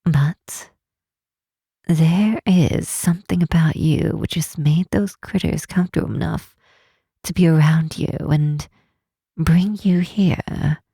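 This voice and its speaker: In a fantasy ASMR roleplay, a woman voices a teasing half-elf mistress of a tower, her tone low, dark and husky with a creaky edge, kept soft and close to the mic. She speaks in formal, old-fashioned words with a fairly even intonation, her curiosity unhurried and playful, and her mood pensive. The recording has no room sound, and she stays fully in character.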